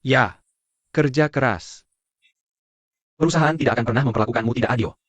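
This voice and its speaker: A man's voice: medium pitch, brisk, no echo, lo-fi sound, lightly acted. Guy voicing a curt businessman boss, mid voice, dry close sound. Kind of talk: Indonesian dub of a drama series.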